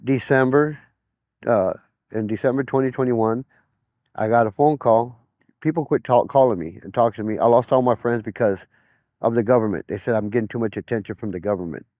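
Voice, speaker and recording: A man's voice: mid-range voice, fairly quick, dark tone, no echo, clean studio sound. A middle-aged man giving personal testimony in an interview, plain-spoken, often retelling conversations as quoted dialogue.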